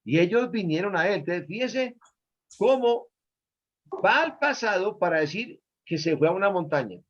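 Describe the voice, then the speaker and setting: A man with a high voice teaches a Bible study as pastor, stopping often to ask his students questions about grammar. The recording sounds dull and lo-fi. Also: big pitch swings, moderate pace, a little hiss or hum. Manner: didactic, quizzes listeners on verb tenses.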